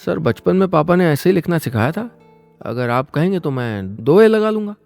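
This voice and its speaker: A man's voice: a little high, big pitch swings, moderate pace, gravelly, darkish tone, soft background music. A man voicing a meek, anxious young male job seeker who answers politely and hesitantly.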